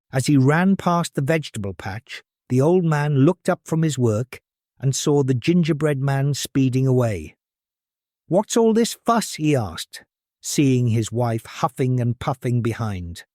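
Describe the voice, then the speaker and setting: A man reading a fairy tale aloud for children as a storyteller, in a measured, expressive storybook manner. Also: medium pitch, no room sound, studio quality.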